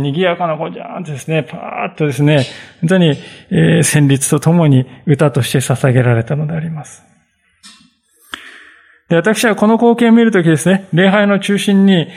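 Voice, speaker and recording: A man's voice: a little high, creaky, darkish tone. A male pastor giving a conversational sermon, reading scripture and explaining it with frequent fillers and asides.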